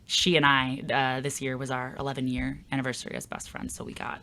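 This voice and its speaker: A woman's voice: a bass voice, monotone, brisk, pushed and bright. A woman comedian from the Philadelphia area, chatting casually as a podcast guest with many fillers and restarts.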